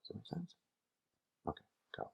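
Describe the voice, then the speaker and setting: A man's voice: normal speed, a little mellow. A man giving a casual acting lesson, coaching the listener directly through a scene. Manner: casual instructive, addresses the student directly. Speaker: acting teacher.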